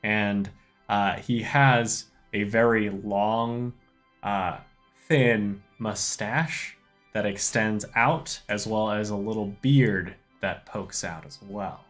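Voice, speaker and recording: A man's voice: fairly low pitch, slow, fairly bright tone, soft background music. A man narrating an improvised tabletop game as the game master.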